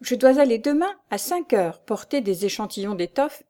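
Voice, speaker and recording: Lively young seamstress, higher and chattier, as voiced by a woman reading. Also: normal speed. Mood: chatty.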